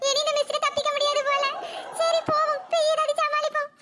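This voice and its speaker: A woman voicing a little schoolgirl in a comedy cartoon who schemes to skip school, pleading and whining in a drawn-out way. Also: very high-pitched, little pitch movement, sharp tone, a little hiss or hum. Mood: scheming.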